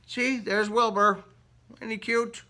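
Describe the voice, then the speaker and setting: A man with a high-sitting, bright, forceful voice reads a picture book aloud to children, keeping a steady tone and a slow pace. He makes the read-aloud playful and animated, pausing for asides that ask his young listeners questions.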